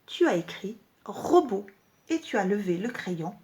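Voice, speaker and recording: A woman teaching young children in a lesson video, talking slowly and articulating each sound clearly, with an encouraging manner. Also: medium pitch, very animated, a little mellow.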